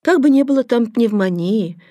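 Woman voicing a doctor mother, quiet, a bit shamefaced, close dry sound. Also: a little high, expressive, normal speed, no echo, pitched above the performer's own voice, lightly acted. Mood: subdued. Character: proud, embarrassed mother, a doctor.

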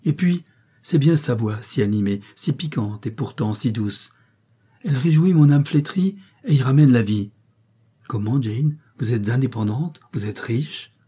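A man's voice: medium pitch, animated, unhurried, mellow, husky. A man voicing a blind, brooding older man who speaks with earnest, emphatic passion. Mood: moved.

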